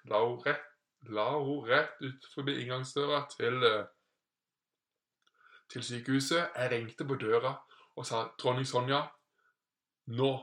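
A man's voice: medium pitch, fairly bright tone. A man telling a playful made-up story, rambling and correcting himself. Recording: roomy echo.

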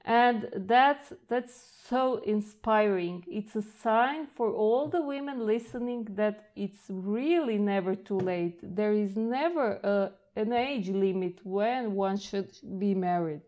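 A woman's voice: medium pitch, slow pace, few pauses, a little mellow. A woman from Croatia hosting an interview, gushing and hesitant, with many fillers and restarts. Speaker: host.

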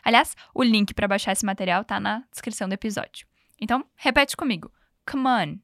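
Woman teaching english on a podcast, patient and coaxing, repeats phrases nice and slow. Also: medium pitch, fairly bright tone, no room sound, clean studio sound. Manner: patient, coaching, slows down for model phrases. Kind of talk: podcast language lesson.

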